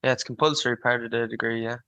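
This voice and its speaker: A young man in his early twenties with a creaky edge and a fairly flat melody. He chats casually in colloquial phrasing, with a bright, forward tone. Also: mid-range voice, fast talker, no room sound. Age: early 20s. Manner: colloquial, frequent "like" and "you know". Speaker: podcast guest, student on work placement. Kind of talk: casual chat.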